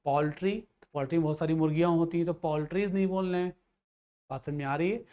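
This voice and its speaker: A male teacher explains English grammar rules in Hindi, with a voice a little higher than most men's. He talks patiently, mixes in English phrases and keeps checking that his students have understood. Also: fairly even intonation, fast talker, dark tone, smooth. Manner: explains patiently, repeats checks like "theek hai". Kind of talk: grammar lesson for exam students.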